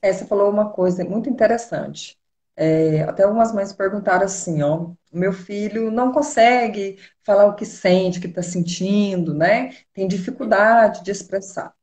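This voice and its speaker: A Brazilian woman psychologist calmly explains and gives advice, often asking rhetorical questions. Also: medium pitch, normal speed, reverberant. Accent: Brazilian Portuguese. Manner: calm, advising, uses rhetorical questions. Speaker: psychologist guest. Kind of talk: explanatory conversation.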